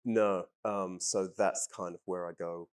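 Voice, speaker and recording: Deep-voiced man, rambling and relaxed. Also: a little slow, clean tone. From Trinidad and England. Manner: relaxed, rambling with many ums and restarts. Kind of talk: casual interview talk.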